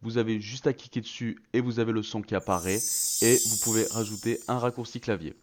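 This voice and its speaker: A man's voice: on the low side, steady tone, brisk, noisy background. A man narrating a tutorial in a casual, slangy and enthusiastic way. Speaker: video creator presenting a voice-changer tool.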